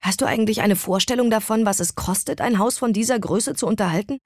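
A woman's voice: medium pitch, quick pace, a little mellow, no echo, clean studio sound, pitched above the performer's own voice, lightly acted. Woman doing a matter-of-fact young woman. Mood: exasperated. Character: sensible, exasperated young woman.

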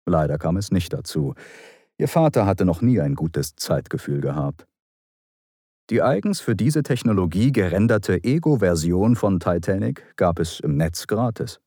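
Deep-voiced male audiobook narrator. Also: very animated, normal speed, dark tone, no echo, studio quality. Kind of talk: scripted narration.

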